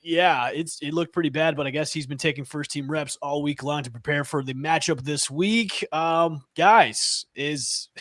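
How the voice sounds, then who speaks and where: A man hosting a casual sports talk show, animated and quick to laugh. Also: on the high side, dry recording. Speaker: podcast host.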